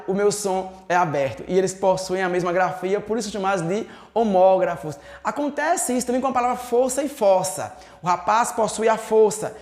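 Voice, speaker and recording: A man's voice: high-pitched, a little mellow. A Brazilian man teaching a recorded exam-prep lesson, who poses questions to himself and then answers them. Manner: didactic, asks and answers his own questions. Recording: echoey room.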